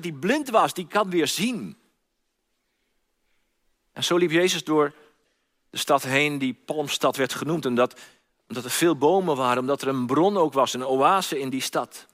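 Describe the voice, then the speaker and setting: A man with a notably high voice preaches, retelling a story and voicing its cries, often repeating himself. His words ring out with the long reverb of a large hall. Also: fairly bright tone. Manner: storytelling, acts out quoted cries, frequent repeats. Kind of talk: sermon.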